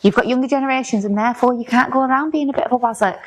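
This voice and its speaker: A woman, co-hosting a podcast, blunt and opinionated and quick to laugh. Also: a little high. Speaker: podcast co-host. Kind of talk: casual chat.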